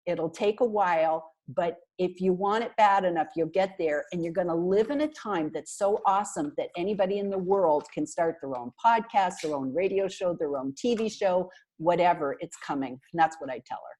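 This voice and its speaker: Her voice is fairly low and moves at a moderate pace with few pauses. She's a middle-aged marketing consultant from Canada appearing as a guest in a casual video call interview, wearing an earphone headset in a small, bright room indoors. She talks with her hands, chatty, animated and emphatic.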